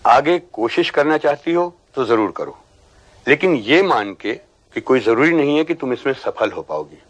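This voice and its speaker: An actor playing a man who calmly advises a young woman in a TV serial clip. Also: medium pitch, normal speed, close to an everyday voice. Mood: advising.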